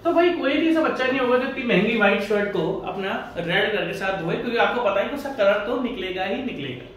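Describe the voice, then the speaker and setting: High-voiced chatty male tutor, echoey room. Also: lively intonation, fast talker, a bit bright. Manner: chatty, asks and answers his own questions. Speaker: engineering exam tutor. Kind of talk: casual Hindi lecture. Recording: echoey room from far off, faint hiss.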